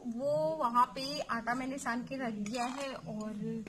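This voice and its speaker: A woman's voice: on the high side, fairly even intonation, normal speed, crowd noise. A woman with an Uttar Pradesh Hindi accent, casually explaining each step of her cooking at a clay stove in a village kitchen. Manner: chatty step-by-step explaining to viewers. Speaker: vlogger. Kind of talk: casual cooking vlog narration.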